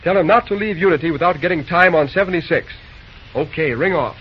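An actor playing a busy young railroad dispatcher in an old-time radio drama, talking briskly in folksy slang. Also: male voice, fairly high pitch, breathy edge. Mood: brisk, urgent. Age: young adult. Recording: dull, noisy old radio recording.

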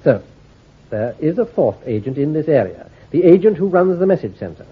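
This heavily acted radio drama role features a shrewd, brisk commander of army intelligence giving orders with clipped authority. He sounds commanding, his voice a touch husky and animated in pitch. Everything comes through tinny and thin, as if over a phone.

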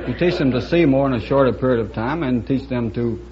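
A man, a quiz contestant, answering in a dry, measured way. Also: medium pitch, breathy edge. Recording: dull old broadcast, audience and hiss.

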